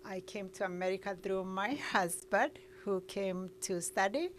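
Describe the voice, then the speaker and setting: A middle-aged woman with a Kenyan accent tells her life story as an interview guest, speaking earnestly and saying "uh" often. Her voice is medium-pitched and a bit slow, with slight background noise.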